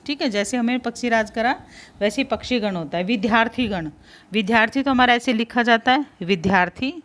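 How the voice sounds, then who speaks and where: A woman teacher patiently explaining spelling for exam preparation, spelling words out slowly and repeating the important points. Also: a little high, a bit bright. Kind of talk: spelling lesson for exam prep.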